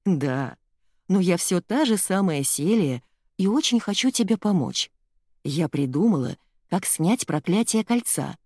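A woman reading an audiobook, voicing a kind old grandmother who speaks calmly and gently. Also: fairly low pitch, measured pace, no room sound, clean studio sound. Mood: gentle.

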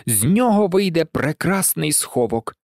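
Expressive storybook narrator. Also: mid-range voice, measured pace, no room sound, studio quality. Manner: expressive, lively reading. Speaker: audiobook narrator.

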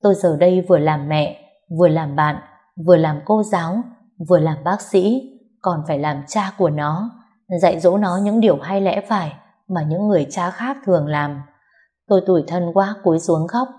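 A woman narrating a first-person story in a soft, sorrowful reading voice. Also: on the low side, normal speed. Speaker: audiobook narrator.

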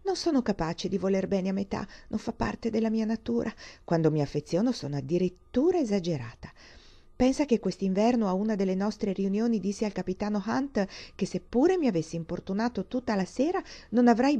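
Woman reader doing a gushing young woman, gossipy, confiding, theatrical, warm dark tone, dramatized audiobook. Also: medium pitch.

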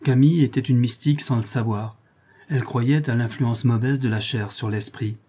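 A man narrating a novel as an audiobook in a measured, literary reading manner. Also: mid-range voice, fairly even intonation, mellow, slightly rough.

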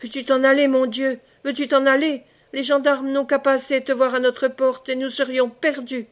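Lady doing a scared village baker woman, loud and sharp, shooing someone off, high voice. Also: moderate pace, close to an everyday voice. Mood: frightened harsh. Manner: sharp, loud, fearful refusals. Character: frightened village baker woman refusing harshly.

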